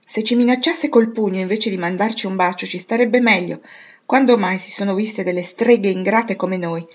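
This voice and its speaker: A woman's voice: mid-range voice, normal speed, muffled recording, natural voice. A woman voicing a spirited, blunt teenage girl in a read-aloud novel. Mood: brash. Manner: brash, outspoken.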